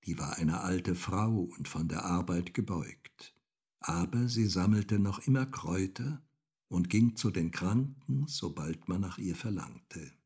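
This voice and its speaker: A man reading a fairy tale aloud as a storyteller, in a measured, calm way. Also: sits low, husky. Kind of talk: scripted fairy-tale narration.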